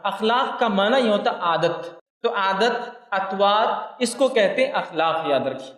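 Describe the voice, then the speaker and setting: A high-voiced man preaches a religious lecture. He repeats each point and speaks straight to his listeners. The sound rings through a large hall from a distance. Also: expressive, fairly bright tone. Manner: repeats points for emphasis, addresses listeners directly. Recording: echoey hall, mic at a distance.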